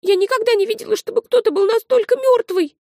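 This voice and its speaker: A woman reading an audiobook, voicing a frightened, tearful little girl with a high, shrill, breathless voice. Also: fast talker, dark tone, dry recording, studio quality.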